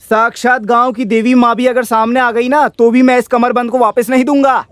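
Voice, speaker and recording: Brief: an obstinate old landlord in a film dub, very high voice, dry close sound, defiant and self-pitying. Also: male voice, flat delivery, a little fast, smooth, dry recording. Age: older. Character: stubborn, lovestruck old village landlord.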